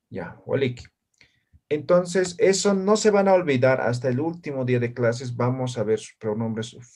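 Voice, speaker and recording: Male language teacher, patient and explanatory, mid pitch, tags each point with a quick check-in. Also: a little mellow. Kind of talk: online class teaching.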